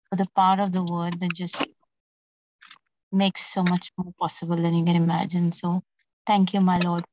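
A woman's voice: fairly low pitch, warm tone, slight background noise. A woman giving an informal, thankful testimony of faith to a prayer group over an online call. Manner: devout, thankful. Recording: dull, muffled call audio.

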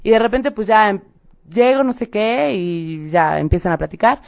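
A young woman with a Mexican accent, hosting a podcast and casually telling a personal story to her listeners in a slangy, animated way. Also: mid-range voice, normal speed, creaky. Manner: animated, slangy, acts out quoted dialogue. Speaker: podcast host giving spiritual messages.

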